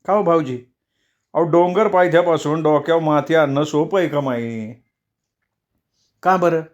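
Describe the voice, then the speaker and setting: A man voicing a sharp-tongued, doting village mother in a storybook reading. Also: fairly high pitch, voice pushed up, close to an everyday voice. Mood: teasing. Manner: scolding, quick retorts.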